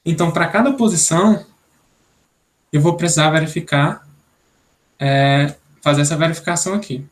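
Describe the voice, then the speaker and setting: A man's voice: on the high side, normal speed, pauses often. A young man from Brazil teaching an online programming class, thinking aloud step by step and checking in with "né?". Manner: explanatory, thinks aloud, many "né?" tags. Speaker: instructor.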